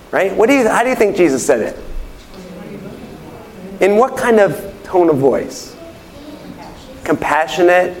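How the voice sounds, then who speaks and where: High-voiced man preaching conversationally. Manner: asks the congregation questions and repeats their answers; chatty storytelling. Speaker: pastor. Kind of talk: conversational sermon.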